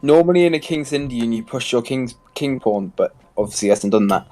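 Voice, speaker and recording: A young man calmly explaining chess openings while commentating a stream. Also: medium pitch. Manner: explanatory, measured.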